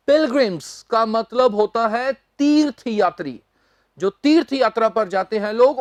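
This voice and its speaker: Woman vocabulary teacher, slightly high, unhurried and deliberate, dry close recording. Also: dry recording. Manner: slow, deliberate, spells words out letter by letter. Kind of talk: newspaper vocabulary lesson.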